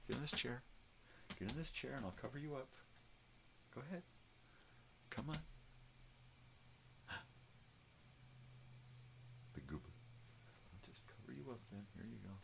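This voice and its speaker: Recorded at home amid noticeable background noise, an older man chats casually on his personal video log with a folksy, salty, rambling style. His medium-pitched, creaky voice is expressive and unhurried, and he pauses often.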